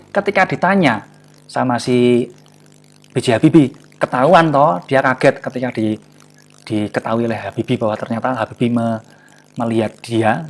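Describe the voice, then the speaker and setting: A man giving a casual, jokey motivational talk to a live online audience, often pausing for words. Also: medium pitch. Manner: chatty and jokey, often searching for words with fillers. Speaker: online class speaker.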